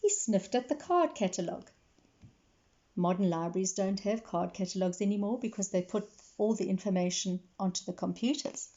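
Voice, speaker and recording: A librarian reads a picture book aloud to children, adding simple explanations as she goes in clear storytelling for young listeners. Her voice is medium-pitched and mellow, and the audio is dull.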